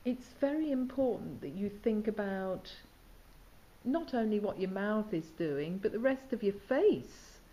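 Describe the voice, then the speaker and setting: A woman's voice: medium pitch, lively intonation, measured pace, warm tone, dull audio. A woman teacher instructing students in diction, asking questions and demonstrating sounds. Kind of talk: questioning students and explaining exercises.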